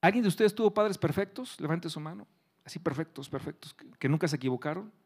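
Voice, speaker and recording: A middle-aged man preaching a sermon, leading the congregation in loud call-and-repeat and swinging from shouting to hushed tones. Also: fairly high pitch, animated, fast, breathy edge. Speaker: pastor.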